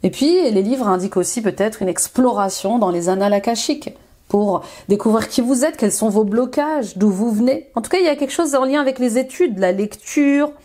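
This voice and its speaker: Encouraging woman giving a mellow tarot reading. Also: a little high, brisk. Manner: encouraging, repeats affirmations, many fillers; enthusiastic, exclaims often. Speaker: intuitive life coach doing tarot readings. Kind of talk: tarot card reading for viewers.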